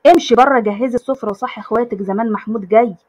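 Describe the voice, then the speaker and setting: A woman's voice: on the high side, racing, a little mellow, breathy edge, muffled recording. A woman voicing an exasperated middle-aged mother who scolds her daughter in an Egyptian accent. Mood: scolding. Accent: Egyptian Arabic.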